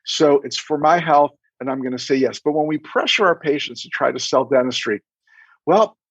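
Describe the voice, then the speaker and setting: Speaking with a fairly high, slightly rough voice at normal speed, a middle-aged dentist and practice coach gives emphatic podcast-guest advice, mixing in anecdotes and acted-out dialogue. The audio is dull, with no room sound.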